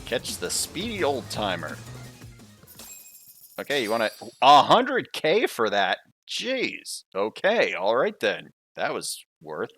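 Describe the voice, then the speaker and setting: A man's voice: mid-range voice, huge pitch swings, slow pace, fairly bright tone, faint music behind. A man giving casual, informal gameplay commentary, reacting aloud as he plays. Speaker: gamer playing a story game.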